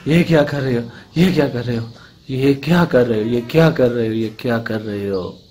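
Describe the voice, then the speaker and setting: A man's voice: medium pitch, moderate pace, a little mellow, a little hiss or hum, natural voice. A man voicing a menacing male devil in a cartoon, growling and insistently repeating himself to tempt a boy. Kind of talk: cartoon voice acting.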